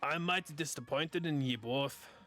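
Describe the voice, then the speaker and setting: A man voicing a gruff, preachy pirate captain with a growling pirate manner in a voice-acted game playthrough. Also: on the high side, moderate pace, a bit bright, soft background music, close to an everyday voice.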